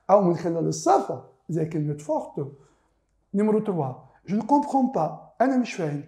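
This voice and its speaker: A man's voice: sits high, warm tone. Egyptian man teaching in an echoey room. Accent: Egyptian Arabic. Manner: asks rhetorical questions and answers them himself, repeating key words. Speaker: French teacher. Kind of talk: classroom explanation.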